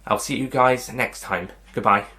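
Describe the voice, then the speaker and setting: Hosting a casual review channel, this man talks to his viewers at a moderate pace in a fairly low voice. He tends to ramble and hesitate, often putting things a different way.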